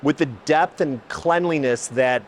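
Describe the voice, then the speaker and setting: Hosting an automotive video, this exhaust shop builder presents and explains a car exhaust comparison, partly scripted, with emphatic enthusiasm. His voice is a little high and unhurried, and heavy background noise runs underneath.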